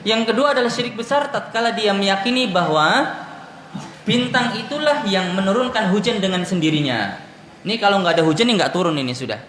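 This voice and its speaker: A man's voice: high voice, animated, brisk, fairly bright tone. A man from Indonesia teaching an Islamic study lesson, asking his listeners questions and answering them himself, telling anecdotes with light laughter. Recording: echoey room with faint background noise.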